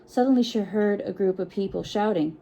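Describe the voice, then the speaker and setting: A woman with a mid-range voice reads a picture book to children at a brisk pace, sounding expressive and encouraging. She adds chatty asides and often checks in with questions. The recording is rough.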